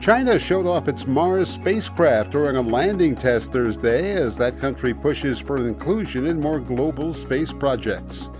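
A man reading the news as anchor in a measured, formal delivery. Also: medium pitch, lively intonation, music in the background. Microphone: studio microphone.

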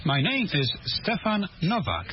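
A polite Polish student. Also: male voice, sits high, wildly swooping pitch, slight background noise, full character voice. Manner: slow, careful learner's English. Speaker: student interviewed for a news report. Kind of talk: scripted language-course dialogue. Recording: muffled lo-fi studio recording.

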